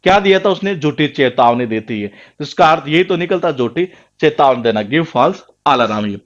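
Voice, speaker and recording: Man, Rajasthani Hindi accent, coaching-class lecturer, repeats words and quizzes the class himself, slightly high voice, muffled lo-fi recording. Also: lively intonation, normal speed. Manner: rhetorical questions, answers them himself. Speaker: English teacher for exam prep.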